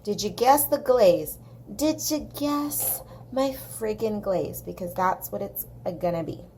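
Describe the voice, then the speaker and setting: A woman with a slight Southern California Valley accent and a dry, slightly gravelly voice with some vocal fry, chatting casually and emphatically as she hosts a coloring tutorial. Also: medium pitch, measured pace. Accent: Southern Californian, slight Valley girl. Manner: informal, emphatic, repeats herself for emphasis. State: dry throat. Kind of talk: casual, chatty craft commentary. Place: indoors at a craft desk. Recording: clear background noise.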